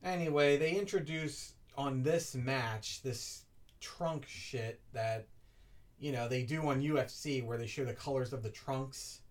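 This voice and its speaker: A woman's voice: very deep voice, a little slow, darkish tone, distant mic. A woman co-hosting a podcast in casual chat, making dry, crude wisecracks. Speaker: podcast co-host.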